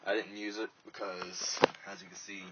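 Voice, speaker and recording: Demonstrating an install around a truck, this informal vlogger speaks in a fairly low, flat voice at an ordinary pace. His walkthrough is casual, hands-on and plain-spoken. Sound from the handheld phone or small camera is noisy and muffled.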